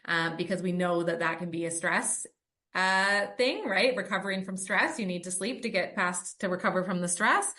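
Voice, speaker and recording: A woman with a lowish voice and a sharp tone speaks at a normal speed. She's a podcast host and dog trainer, talking conversationally as she runs through a list of points with frequent "um" and "like" fillers.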